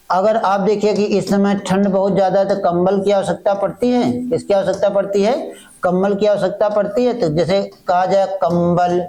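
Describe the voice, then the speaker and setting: A man's voice: high-pitched, a little mellow. A man teaching an exam-prep grammar lecture, asking questions and answering them himself, repeating each point several times. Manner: slow, halting delivery that restates fragments.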